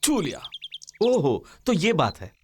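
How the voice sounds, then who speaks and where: A man's voice: high voice, huge pitch swings, takes it slowly, darkish tone, slight background noise, full character voice. A man dubbing a cheeky young man who playfully teases his sweetheart, laughing as he talks, in a Hindi film dub. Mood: teasing. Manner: playful, teasing, laughing often. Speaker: male lead of a dubbed film.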